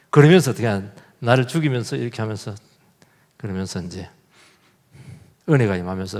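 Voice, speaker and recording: Male pastor, middle-aged, sermon delivery, lively up-and-down pitch, gravelly edge, church hall echo. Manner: conversational preaching with acted-out quotes and rhetorical questions. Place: church sanctuary. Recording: long reverb of a church hall.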